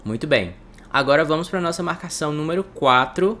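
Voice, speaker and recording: A man teaching English to Portuguese speakers, breaking phrases into slow drills and repeating words for the listener. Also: fairly high pitch, lively intonation, a bit bright.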